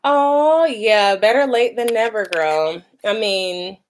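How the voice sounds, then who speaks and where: Her mid-range voice is slow as this vlogger, a woman in her 30s, chats casually through a live stream. She reads viewer comments out loud, laughs readily, and peppers her talk with "like" and "y'all."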